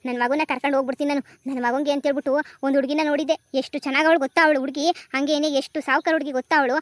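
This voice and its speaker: A woman's voice: sits high, no echo, studio quality, close to an everyday voice. A woman voicing a bossy scheming village mother. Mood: mocking. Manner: scolding, rapid, commanding. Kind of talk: cartoon comedy voice acting.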